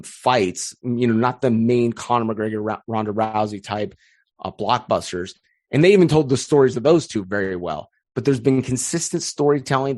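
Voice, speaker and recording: A man in his thirties talks casually as a podcast guest, steady in pitch and energetic, with frequent restarts as he spins a story. The sound is dry and close, with no room around it. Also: dry recording. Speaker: podcast guest, content strategist. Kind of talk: casual interview chat.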